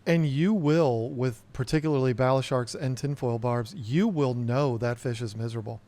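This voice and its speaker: A man's voice: medium pitch, moderate pace, mellow. A man co-hosting a casual podcast, chatting conversationally, telling stories from his own experience and stating his opinions firmly. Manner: conversational, storytelling, emphatic opinions. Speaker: podcast co-host.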